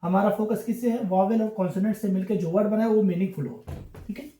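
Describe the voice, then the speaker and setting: A man's voice: high-pitched, fairly even intonation, fast, warm tone. Patient man teaching in an echoey room. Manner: patient, repetitive explaining, checking in often. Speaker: English teacher. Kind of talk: classroom-style grammar lesson.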